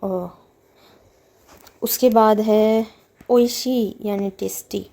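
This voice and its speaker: A woman's voice: medium pitch, steady tone, drawn-out words, gravelly, mellow. A woman teaching a Japanese lesson, patiently reading words and explaining each one with repetition and translation.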